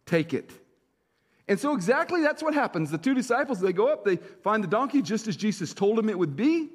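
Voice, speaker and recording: High-voiced pastor in a reverberant hall. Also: male voice, big pitch swings, quick pace. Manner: conversational storytelling, repeats phrases for emphasis. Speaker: senior pastor. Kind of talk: sermon.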